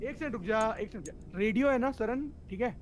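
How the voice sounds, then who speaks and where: A man's voice: high-pitched, expressive, quick pace. A man streaming a game, chatting casually and giving directions to his teammates. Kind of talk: casual gaming chat with friends.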